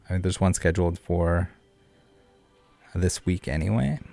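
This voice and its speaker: Over background music, a man hosts a live card game stream and chats easily with viewers, rambling and cracking jokes. His low, warm voice has vocal fry and keeps a measured pace.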